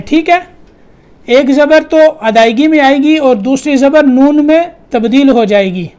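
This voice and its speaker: A man teaching a tajweed lesson. He recites verses in a slow, drawn-out chant and explains the rules in brisk asides. He corrects his students directly and repeats the right reading. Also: extremely high pitch, darkish tone.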